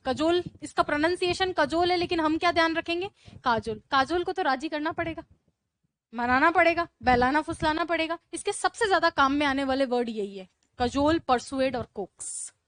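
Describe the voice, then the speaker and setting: A woman teaching English vocabulary in a classroom lecture, chatty and brisk, peppering her students with rhetorical questions. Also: high voice, fairly bright tone, no room sound.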